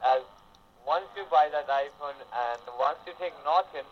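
A man on the other end of a phone call, pitching tech support and ending his phrases with a repeated "okay?". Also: normal speed. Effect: heard over the phone. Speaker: caller posing as tech support. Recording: muffled phone line with faint hiss.

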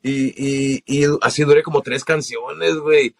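A man's voice: medium pitch, fairly even intonation, unhurried, vocal fry. A man with a Mexican Spanish accent, a singer telling stories in casual podcast chat, slangy and profane.

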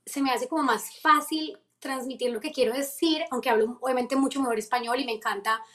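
A young woman being interviewed as a singer-songwriter, talking in a lively way and mixing in English phrases. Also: high-pitched. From Colombia. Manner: lively, mixes in English phrases, quick restarts. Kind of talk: casual interview.

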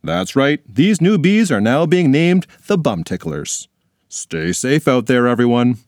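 A man's voice: medium pitch, sing-song, a little slow, darkish tone, no echo, clean studio sound. A man voicing an adult TV news anchor who speaks in a formal, mock-serious broadcast manner.

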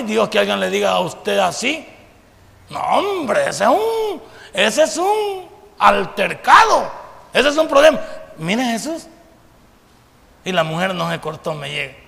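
A man with a Salvadoran accent preaching a sermon in church, animated, firing rhetorical questions at the congregation and bursting into shouts. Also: high voice, gravelly. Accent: Salvadoran Spanish. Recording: long reverb of a church hall.

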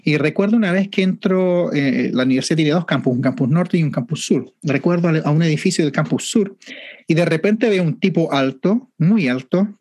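A man's voice: fairly high pitch, fairly quick, darkish tone, slightly rough, no room sound. A man hosting a podcast interview, friendly and chatty, telling stories with easy laughs. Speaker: podcast host. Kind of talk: casual conversational interview.

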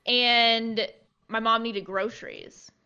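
A young woman telling a long story in a relaxed chat, her voice bright and somewhat high. She leans on "like" fillers constantly. The recording sounds slightly lo-fi. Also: slow pace, clear, resonant tone. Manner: chatty, heavy use of "like" fillers.

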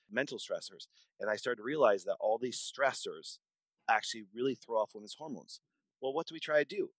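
A man in his forties tells stories from his medical practice in an interview. His voice sits fairly low and sounds dry and close, with no room around it. He talks emphatically, repeating words and restarting sentences as he goes. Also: dry recording, poor audio. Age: 40s. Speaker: podcast guest, doctor. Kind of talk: conversational interview storytelling.

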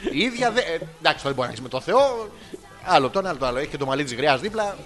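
A man's voice: fairly high pitch, very animated, fairly bright tone, faint music behind. A man co-hosting a comedy podcast, cracking crude jokes and playfully interrupting his partner. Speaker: podcast co-host. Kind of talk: casual comedic banter.

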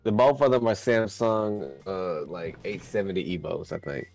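A man's voice: low voice, moderate pace, vocal fry, darkish tone, soft background music, low-quality recording. A man, chatting casually in a blunt, profane, complaining way. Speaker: podcast guest. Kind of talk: casual chat.

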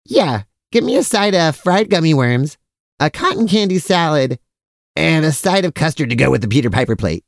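A lively, dry-recorded comic character played by a man, chatty and vain. He is a silly, easily distracted brother from an audio comedy, cheerfully oblivious and bouncing up and down in pitch. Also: normal speed, no echo. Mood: vain, pleased. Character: mustache-proud, food-loving, easily distracted silly brother. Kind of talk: comic audio drama acting.

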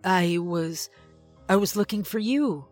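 A man's voice: high-pitched, slow pace, soft background music, voice pushed up. A man voicing a monster that mimics a mother, begging tearfully through a door. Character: monster faking a sobbing mother, pleading.

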